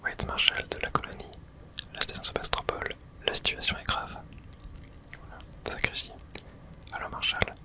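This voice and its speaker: Someone quietly whispers, with no voicing, while reading out dialogue in an ASMR video game playthrough; the pace is moderate, broken by long pauses.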